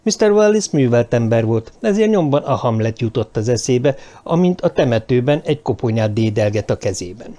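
A man narrating an audiobook with expressive storytelling. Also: mid-range voice, hardly any pauses. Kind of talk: scripted narration.

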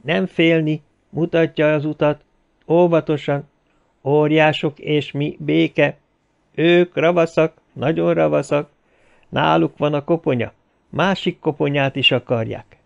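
Egy férfi, aki egy titokzatos, túlvilági hangot szólaltat meg, tört, akadozó mondatokban. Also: male voice, on the high side, fairly even intonation, vocal fry, muffled recording. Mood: cryptic. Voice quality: broken, halting speech. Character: mysterious spirit voice speaking in broken phrases.

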